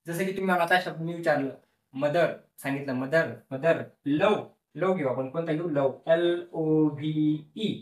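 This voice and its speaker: A man's voice: sits high, a bit bright. A male teacher explaining a lesson, repeating each word several times and asking the class questions that he then answers himself. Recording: echoey room, voice from a distance.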